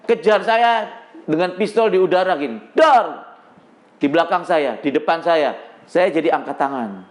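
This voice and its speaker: A middle-aged man from Indonesia preaches to his congregation in a high voice. He tells his testimony with drama, acting out the shouts and the prayers he recalls and calling out to the listeners again and again. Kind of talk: sermon testimony.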